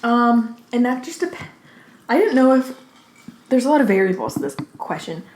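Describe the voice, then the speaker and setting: A woman hosting a mukbang, chatting informally with lots of "like", pausing to take bites and chew, slightly out of breath. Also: on the high side, sing-song, a little mellow, a little hiss or hum. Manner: informal, peppered with "like". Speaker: mukbang host. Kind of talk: casual chat while eating. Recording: roomy, echoey indoor sound.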